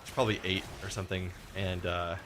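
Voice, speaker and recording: Low-voiced man telling rambling stories. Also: flat delivery, fast, background noise. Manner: rambling storytelling, acting out quoted voices. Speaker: streamer host. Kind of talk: casual chat while gaming.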